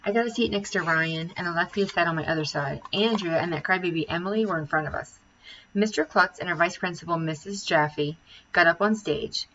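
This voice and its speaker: A woman teacher reading a children's chapter book aloud, with lively, expressive storytelling. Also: lowish voice, fairly quick, dull audio, a little hiss or hum.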